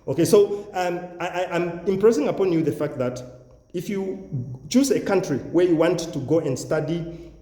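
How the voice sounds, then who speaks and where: A man with a Namibian accent speaks in a mellow, slightly raised voice. He sounds boastful and sure of himself as he makes an informal pitch to viewers, often repeating himself for emphasis. The room around him is echoey. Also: lively intonation, moderate pace. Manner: boastful, self-assured, repeats phrases for emphasis. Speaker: YouTube channel host, education agent and English test coach. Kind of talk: informal promotional talk to viewers.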